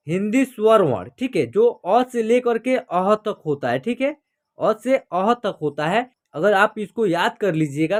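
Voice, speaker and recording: A man teaching Hindi reading and writing in a slow, patient classroom manner, repeating each letter and asking questions. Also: sits high.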